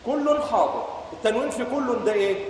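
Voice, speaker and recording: A man's voice: extremely high pitch, expressive, quick pace, darkish tone. A man with an Egyptian accent giving a lecture, quizzing his students and reciting verses. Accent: Egyptian Arabic. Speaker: teacher. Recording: echoey hall, faint background hiss.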